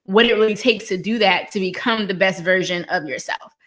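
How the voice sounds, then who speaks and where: A woman in her thirties, a guest author on a podcast, telling stories in a lively way and laughing often. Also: mid-range voice, a little fast. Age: 30s. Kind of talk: casual interview chat.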